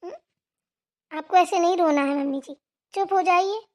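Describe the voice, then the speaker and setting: A woman's voice: extremely high pitch, moderate pace, darkish tone. A woman voicing a young daughter-in-law who talks politely and soothes her mother-in-law in a cartoon. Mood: soothing. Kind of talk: cartoon voice acting.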